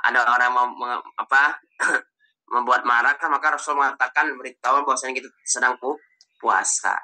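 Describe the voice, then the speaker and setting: A man leads an online religious study session. His tone is very bright, and he talks informally, jokes, and often breaks off to restart words. His pitch sits in the middle range. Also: steady tone, normal speed. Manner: informal, joking, trailing restarts. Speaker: Islamic preacher.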